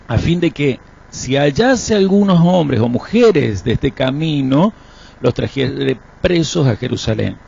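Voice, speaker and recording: A man leading a live-streamed Bible class, explaining texts and checking understanding with quick rhetorical questions. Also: fairly high pitch, a little mellow. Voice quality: gravelly, husky. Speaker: Bible teacher. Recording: dull lo-fi stream audio.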